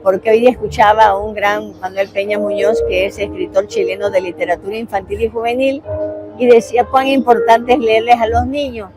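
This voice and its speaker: A woman hosting a podcast interview, reacting with enthusiasm and warmth. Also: mid-range voice, fairly even intonation, a little fast, over music. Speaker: podcast host. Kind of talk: interview conversation.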